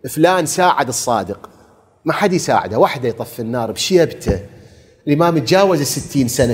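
A man's voice: on the high side, a little mellow. A man with an Iraqi accent preaching an impassioned mourning sermon that rises into a chanted lament. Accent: Iraqi Arabic. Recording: echoey hall reverb.

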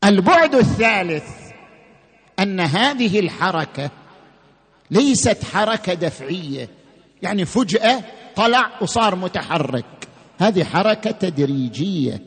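A man giving a sermon-style religious lecture, emphatic, slowing and rising on key words. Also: sits high, very animated, fairly bright tone, breathy edge, in a large hall.

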